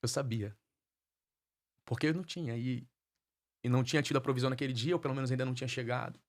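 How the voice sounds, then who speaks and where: A man's voice: medium pitch, steady tone, fast. A man, a guest minister, tells his life story as a testimony in a fervent preaching cadence and repeats phrases for emphasis.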